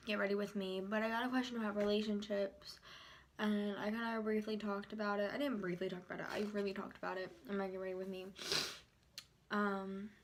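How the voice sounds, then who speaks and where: A young woman chats casually and haltingly to the camera in a rambling, informal way, chewing as she talks. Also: medium pitch, a bit bright, a little hiss or hum. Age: young adult. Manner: chewing while talking. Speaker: YouTuber vlogger. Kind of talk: casual chat to camera during a mukbang.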